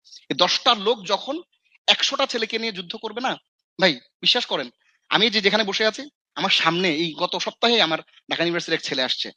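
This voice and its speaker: Expressive and fairly quick, this man from Bangladesh, an Islamic scholar mentoring students, talks casually in a high-pitched, pushed, bright voice with no echo. He dramatizes his scolding and mixes in English phrases.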